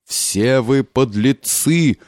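A man voicing a drunk young journalist who bellows angry accusations in a low, thunderous voice. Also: extremely slow, a little mellow, no echo, studio quality. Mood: abusive. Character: drunk, sullen young male journalist, furious.

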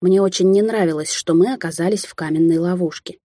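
A woman reading a first-person story aloud in an even, measured audiobook style, close to the mic. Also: on the low side, no room sound. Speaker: audiobook narrator.

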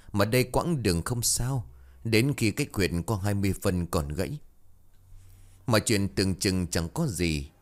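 A man tells a ghost story with a solemn, expressive delivery. His voice is low yet lively, rising and falling with the drama of the tale.

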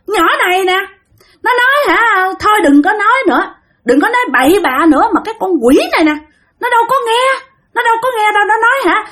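A woman voicing a shrill, taunting female demon that possesses a young woman. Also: a bit bright, exaggerated voice.

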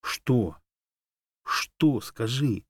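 A man's voice: on the low side, expressive, normal speed, a little mellow, no echo, clean studio sound, close to an everyday voice. A man voicing a male guide dog, earnest and easily offended, who defends himself indignantly.

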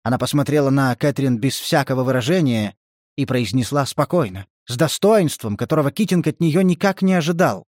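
A man's voice: mid-range voice, expressive, a little fast, a little mellow, no echo. Male audiobook narrator, dry close sound. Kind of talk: scripted literary narration.

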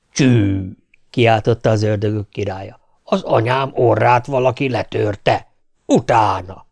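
A male audiobook reader telling a folk tale with great liveliness, his pitch rising and falling freely. His voice is gravelly, in a dry, close recording. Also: dry recording. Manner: lively, expressive storytelling.

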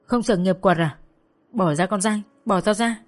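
A woman voicing a young female student who shouts back defiantly while being attacked, in a narrated story. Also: mid-range voice, moderate pace, close to an everyday voice. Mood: shouting back. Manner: loud, pleading, defiant.

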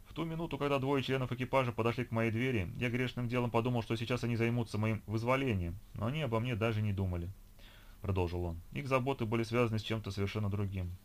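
A man narrating an audiobook in an even, measured reading. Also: medium pitch. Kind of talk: scripted narration.

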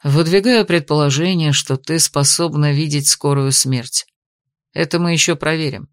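A woman voicing a stern, menacing male investigator in an audiobook, speaking low and commanding. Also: moderate pace, dry recording, clean studio sound, lightly acted. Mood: puzzled. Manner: growling, commanding.

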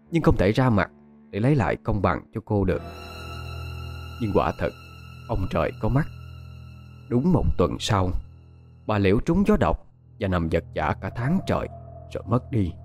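A male storyteller with a lowish voice narrates a dark folk tale, his pitch swooping widely as he builds tension. Soft music plays faintly underneath his telling. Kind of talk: dramatic audio story narration.

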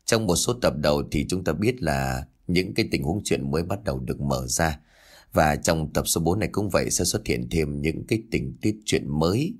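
A man hosting and narrating a ghost story in a lively, dramatic reading style. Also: rumbling low, normal speed. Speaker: storyteller and channel host.

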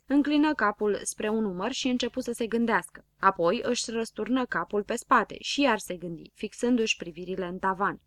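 A woman reading a children's storybook aloud, expressive and playful. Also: medium pitch, no room sound. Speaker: audiobook reader. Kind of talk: storybook narration.

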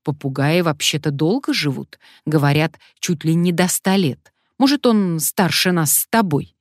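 A woman voicing a brisk, bossy middle-aged woman who teases and gives orders, in a low voice. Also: dry recording, studio quality. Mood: bossy ironic.

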